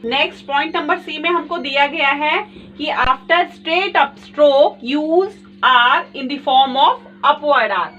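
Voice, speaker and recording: A woman's voice: high voice, drawn-out words, pushed and bright. A woman teaching a shorthand lesson step by step, patient and repetitive, calling her viewers friends. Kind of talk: step-by-step tutorial explanation. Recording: distant, dull lo-fi mic with faint noise.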